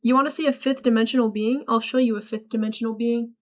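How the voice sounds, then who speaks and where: A woman's voice: on the high side, fairly even intonation, fast talker. A young woman streaming, reading chat aloud and joking back in a playful, mock-serious way. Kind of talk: casual livestream chat.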